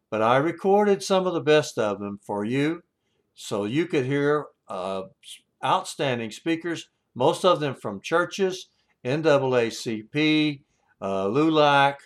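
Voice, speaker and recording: A man narrating an informal news report as host, in plain, slightly hesitant phrasing. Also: medium pitch. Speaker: host of a workers' news segment.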